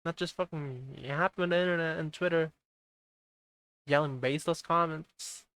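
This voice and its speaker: A man reacting casually, halting and repeating his words. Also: fairly high pitch, fairly even intonation, a bit bright, smooth. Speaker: reaction youtuber.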